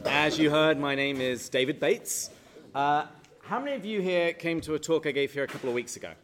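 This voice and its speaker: With slight background noise, a somewhat bright, high-leaning male voice speaks a little quickly in an English accent. At a parish talk in a hall, he quizzes the audience playfully and chats with them before solemnly leading a prayer.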